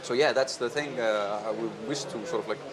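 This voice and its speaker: A man from Iceland, a film director, answering interview questions in a thoughtful, halting way with many fillers. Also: fairly low pitch, background noise. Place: outdoor festival terrace with a crowd. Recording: crowd chatter behind.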